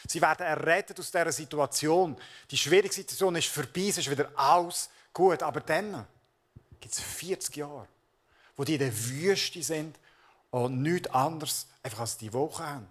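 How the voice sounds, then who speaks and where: Pastor preaching earnestly. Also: male voice, on the high side, moderate pace. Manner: earnest, addresses listeners directly as du. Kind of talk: sermon.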